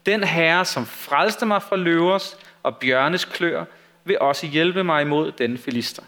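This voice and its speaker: A man's voice: a little high, pushed and bright. A man voicing a confident young shepherd who speaks earnestly in a read-aloud Bible story.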